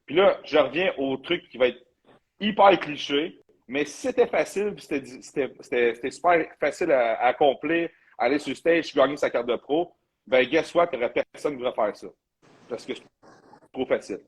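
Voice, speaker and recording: A man with a Quebec French accent chats loosely as a bodybuilding coach hosting a show. His voice sits at a middle pitch with a husky, slightly rough edge. He talks freely and drops English slang into his sentences. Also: moderate pace, rough recording. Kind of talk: casual live chat.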